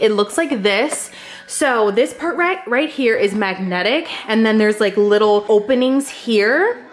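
A young woman in casual vlog chat, upbeat and chatty as she shows things around her house on a handheld camera. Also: on the high side. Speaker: home vlogger. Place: inside a house.

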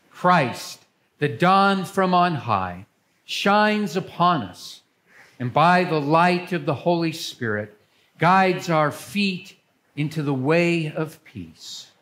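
An older man speaking as a pastor, reading liturgy to a congregation in a church with measured, solemn phrasing. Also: a little high, fairly bright tone. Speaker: pastor leading worship.

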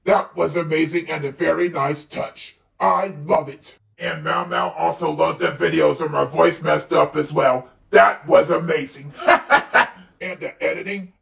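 Brief: woman voice actress, relaxed slow chat, gravelly edge, roomy echo with faint music behind. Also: sits low, distant mic. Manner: slow, chatty, laughing often. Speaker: voice actress reacting to a fan-made premiere. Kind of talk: casual vlog reaction.

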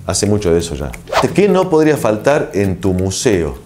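A man in his forties with an Argentine accent, answering interview questions in a relaxed, reflective way with frequent filler pauses, on a lapel mic in a small studio. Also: on the low side, background noise. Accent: Argentine Spanish. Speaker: TV host and producer, interview guest.

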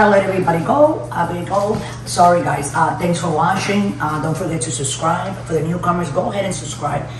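Chatty woman in an echoey room. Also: deep voice. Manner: chatty, rambling, listing prices with fillers. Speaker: cooking channel host. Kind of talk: casual grocery haul vlog. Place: home kitchen room. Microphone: phone camera held by someone else. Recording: echoey room, camera at a distance, background noise.

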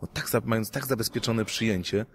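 A man appearing as a sports journalist guest, talking in a lively, wry way with small jokes. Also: on the low side, fairly quick, gravelly, slight background noise. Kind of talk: casual sports podcast discussion.

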